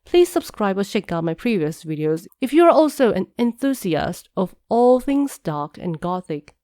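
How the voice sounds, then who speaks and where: A woman's voice: mid-range voice, very animated, normal speed, mellow, no echo, clean studio sound. A woman with a congested, nasal voice from a cold, explaining things in a scripted video talk. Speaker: video creator.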